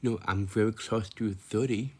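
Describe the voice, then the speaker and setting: A man's voice: lowish voice, fairly even intonation, moderate pace, breathy edge. A man in his twenties talking casually to the camera, repeating himself and answering his own questions. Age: 20s. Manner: repetitive, asks himself questions and answers them.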